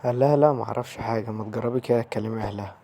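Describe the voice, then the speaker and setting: A man's voice: medium pitch, racing, warm tone. A man with an Egyptian accent narrates an episode recap, retelling each scene and quoting the dialogue line by line. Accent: Egyptian Arabic. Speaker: video channel host recapping a TV series.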